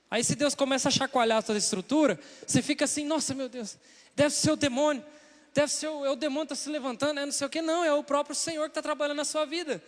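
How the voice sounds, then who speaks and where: Brazilian male pastor, young, conversational sermon that acts out quoted voices, very high pitch. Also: fairly bright tone. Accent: Brazilian Portuguese. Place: church sanctuary. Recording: long hall reverb.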